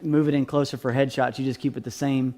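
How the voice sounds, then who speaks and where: Quick blunt man asking questions. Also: medium pitch, flat delivery, a little mellow. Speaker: co-host asking the photographer questions. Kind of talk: casual studio chat. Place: photo studio.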